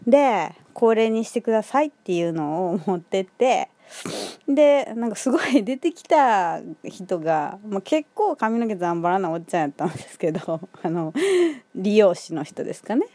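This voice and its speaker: Lively chatty Kansai woman. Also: mid-range voice, moderate pace, no echo. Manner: chatty, laughs often, many fillers. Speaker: solo podcast host. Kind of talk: casual solo monologue.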